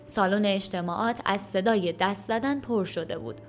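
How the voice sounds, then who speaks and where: Woman, audiobook narration, calm even storytelling, mid-pitched voice. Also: soft background music. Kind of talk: scripted narration.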